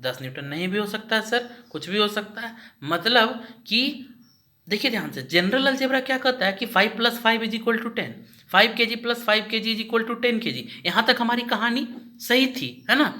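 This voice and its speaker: A man's voice: very high-pitched, pushed and bright. A male teacher giving a recorded lesson, patient and repetitive, who asks questions and then answers them himself. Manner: patient, repeats each point slowly. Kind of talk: recorded class lecture.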